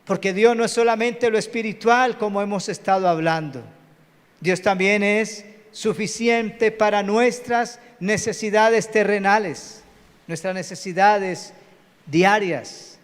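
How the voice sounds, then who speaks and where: A man's voice: high voice, unhurried. A man preaching a live church sermon as pastor, calling on the congregation to say amen. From Colombia. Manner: preachy, calls out to the congregation for amens. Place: large church hall. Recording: reverberant church hall.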